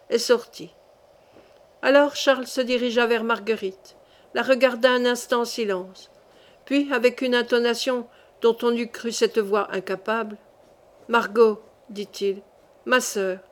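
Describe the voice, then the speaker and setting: A woman narrating a classic novel as an audiobook in a steady, measured way. Her voice sits a little high for a woman.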